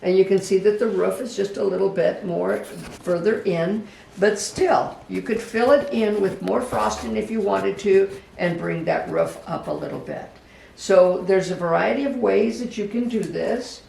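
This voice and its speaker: Gravelly creaky voice, gentle unhurried craft instructor, casual demonstration, echoey room, mic far off. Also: mid-range voice. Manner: gentle, unhurried, talks to the project. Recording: echoey room, voice from a distance, faint background hum.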